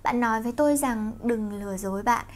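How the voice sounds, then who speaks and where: Vietnamese lady teaching english with songs, high voice, talks fast then sings slow. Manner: quick explanations broken by slow sung lines. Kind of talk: song-based English pronunciation lesson.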